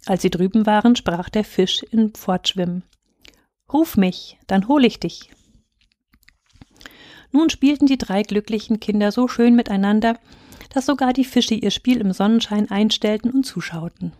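A woman reading a fairy tale aloud in calm, measured scripted narration. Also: mid-range voice, dry recording, clean studio sound. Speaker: reader.

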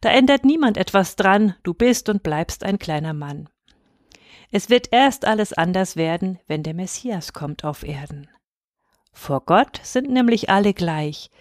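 A woman gives voice to an old, poor shepherd from a Christmas storybook verse. He is god-fearing and stern, admonishing in rhyme at a middle pitch. The recording is dry and close. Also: lively intonation, measured pace, dry recording, lightly acted. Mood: soothing.

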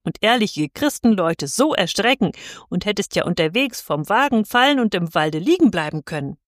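A woman voicing a talkative, sharp-tongued old spinster aunt who scolds indignantly. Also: mid-range voice, sing-song, normal speed, dry recording, studio quality, lightly acted. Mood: scolding.

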